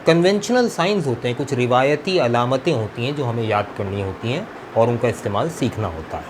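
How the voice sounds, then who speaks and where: A male English teacher giving a lesson, explaining slowly and deliberately and mixing Hindi-Urdu with English terms. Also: medium pitch, expressive, background noise.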